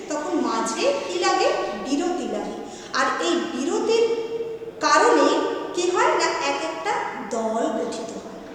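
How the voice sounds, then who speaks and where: A woman teacher leads a grammar lesson for children, speaking slowly and patiently, repeating each point and checking with questions. Her voice sits high. She sounds distant from the mic, in a roomy hall with long reverb. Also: a bit bright. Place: classroom. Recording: echoey hall, voice far from the mic.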